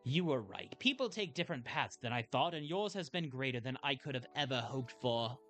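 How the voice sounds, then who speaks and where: A proud old grandmother who speaks tenderly and a little slower, voiced by a man reading game dialogue. Her voice moves widely in pitch, and faint music sits behind it. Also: expressive, fairly bright tone, lightly acted. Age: older. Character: older woman, proud café owner and grandmother.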